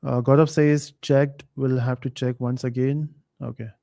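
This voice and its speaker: A man hosting a live online quiz, reading chat comments aloud and thinking out loud with fillers. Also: mid-range voice, little pitch movement, measured pace, creaky. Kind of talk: casual live stream chat.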